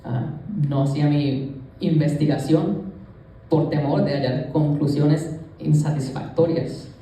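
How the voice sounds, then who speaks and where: Dark-voiced man in echoey church. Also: fairly high pitch, fairly even intonation, measured pace. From Puerto Rico. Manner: earnest, conversational, addressing listeners directly. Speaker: youth leader giving a church testimony. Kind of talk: personal testimony to a congregation. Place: church sanctuary. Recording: echoey church hall, voice from a distance.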